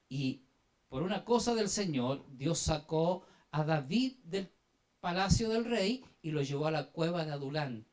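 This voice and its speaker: This sermon comes from a man speaking as an apostle who urges the congregation to answer him and turn to one another through call-and-response prompts. His story unfolds dramatically, lurching between hushed, low phrasing and loud bursts of emphasis.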